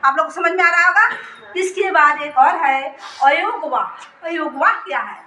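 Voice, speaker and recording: A woman's voice: high voice, normal speed, sharp tone. A woman teaching a grammar lesson to children, asking questions and answering them herself, often repeating key words and laughing as she explains. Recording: echoey room, voice from a distance.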